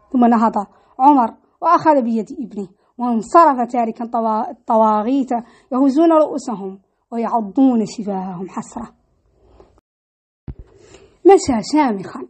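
A woman with a high voice narrates a historical tale. Her reading is expressive and dramatic, with emphasis that rises and falls across the story.

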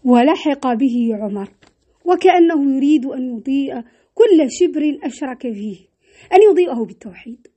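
A woman with a high voice narrates a historical tale. Her reading is expressive and dramatic, with emphasis that rises and falls across the story. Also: normal speed.

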